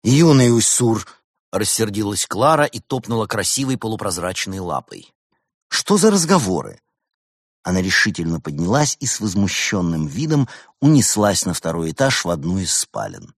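Man, audiobook narrator, low voice, expressive, dry close sound. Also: fairly quick, no room sound. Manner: expressive, storytelling.

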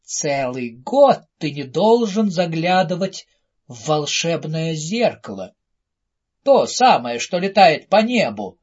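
A man's voice: fairly high pitch, sing-song, a little mellow, breathy edge, exaggerated voice. Hissing wicked fairy, as a man puts her on. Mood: sly, sugary. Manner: hissing, slow and drawn out. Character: wicked sweet-voiced female fairy, cold-blooded. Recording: dull lo-fi audiobook recording.

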